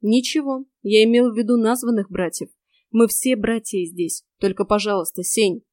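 A woman's voice: a little high, fairly even intonation, normal speed, a little mellow, no room sound, studio quality, close to an everyday voice. A woman voicing a loyal, earnest young male werecat in an audiobook, speaking in a pleading way.

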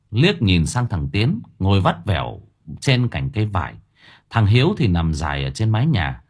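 Guy reading a horror story, husky and lively, kinda lowish voice. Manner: dramatic, expressive storytelling. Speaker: audiobook narrator. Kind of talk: storytelling narration of a horror novel.

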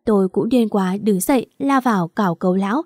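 A woman narrating a first-person family drama story in an even reading voice. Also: mid-range voice, a little fast, dry recording, studio quality.

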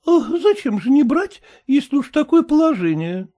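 A reader playing a merchant's wife, middle-aged, fretful, scolding, very high, lively voice. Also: female voice, moderate pace. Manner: shrill, scolding, fussing.

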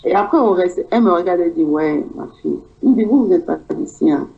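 A woman's voice: lowish voice, expressive, quick pace, vocal fry, highs cut off. A woman with a Cameroonian French accent, telling her personal story in a rambling way and acting out the dialogue she quotes. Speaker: guest. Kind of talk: personal testimony in conversation.

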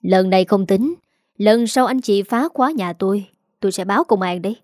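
Woman voicing a stubborn old mother, curt, icy, mellow tone, dry sound. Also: mid-range voice, brisk, no room sound, close to an everyday voice. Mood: cold. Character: cold, stubborn elderly mother who lost her savings.

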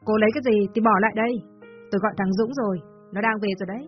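A woman voicing a shrill, scolding old mother-in-law who shouts accusations. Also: racing, natural voice. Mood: scornful. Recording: slightly dull lo-fi with faint music.

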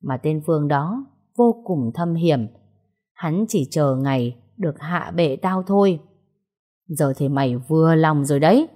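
A woman reading a story aloud, voicing a furious older male official who shouts and scolds his grown daughter. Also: lowish voice, animated, moderate pace, slightly rough. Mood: furious scolding. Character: furious older male vice chairman, domineering father.

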